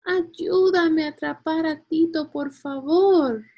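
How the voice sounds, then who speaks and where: A woman playing a worried small girl in a picture book, high-pitched, loud, slow, gravelly, storybook read-aloud. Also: muffled recording. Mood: upset. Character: fretful young girl.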